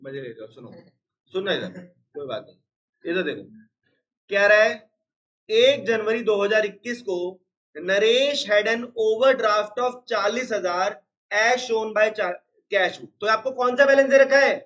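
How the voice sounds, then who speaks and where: A man teaches a live online accounts class in a high, expressive, slightly bright voice, taking his time. He keeps calling on students to listen, teasing and scolding them along the way. The lo-fi recording sounds slightly dull.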